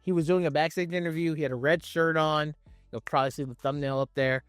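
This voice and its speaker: A man with a slightly high voice hosts a countdown in casual, opinionated style. He leans hard on key phrases, repeating them and using slang for emphasis. The sound is very dry, with faint music underneath. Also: steady tone, quick pace, clean tone, no echo. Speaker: video host ranking wrestling promos.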